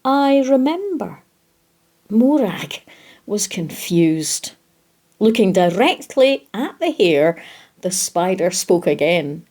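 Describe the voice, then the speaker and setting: A woman gently reading a children's animal story aloud. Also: on the low side, animated, slow. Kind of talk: scripted storybook narration.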